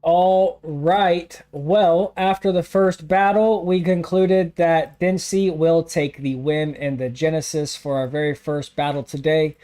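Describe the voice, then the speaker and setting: A man's voice: a little high, steady tone, a little slow, hardly any pauses, dark tone. A man hosting and commentating a live online drift competition, talking casually with lots of fillers and self-corrections. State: has the hiccups.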